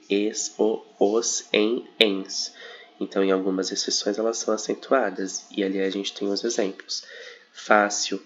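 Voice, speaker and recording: A young man, a student, presents his coursework informally, hesitating often and correcting himself as he goes. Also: lowish voice. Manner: hesitant, frequent fillers and self-corrections. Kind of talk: informal presentation of a concept map. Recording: dull lo-fi recording.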